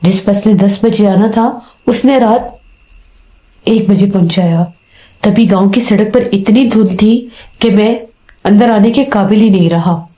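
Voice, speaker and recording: A woman's voice: mid-range voice, a little slow, dark tone. A woman narrating a scripted horror story in the first person, acting out the dialogue of its characters. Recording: roomy echo with faint music.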